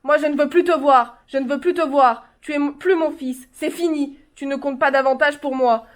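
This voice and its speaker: Brief: a woman playing a scared, grieving mother, high voice, tense and pleading. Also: steady tone, normal speed, natural voice. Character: frightened, grieving middle-aged mother. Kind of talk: stage play reading.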